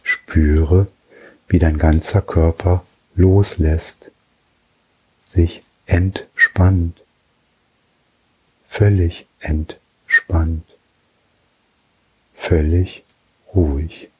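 Man, guided relaxation, very slow, soothing, long pauses, husky. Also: low voice, fairly even intonation, darkish tone, poor audio. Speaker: meditation guide.

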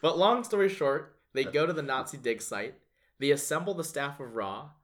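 Podcast co-host, male, a bit higher-pitched, keen storyteller recapping a film. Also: expressive, moderate pace, a bit bright. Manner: enthusiastic, recaps plot with a storyteller's build-up. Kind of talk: casual legal podcast chat.

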